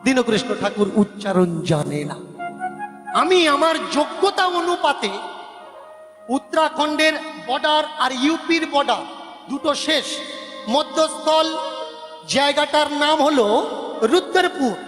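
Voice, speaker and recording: A man's voice: very high voice, animated, unhurried, long pauses, fairly bright tone, long reverb tail, soft background music. A man with a Bengali accent preaching a devotional sermon, arguing his points and correcting how words are pronounced. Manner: argumentative, corrects word pronunciation emphatically. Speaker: religious preacher.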